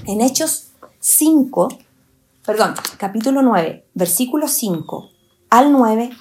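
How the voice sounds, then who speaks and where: A woman giving a Bible study talk, reading scripture aloud and explaining it in a reflective way, often pausing on "eh". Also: on the high side, warm tone. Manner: reflective, explanatory, with frequent "eh" fillers. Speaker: Bible teacher.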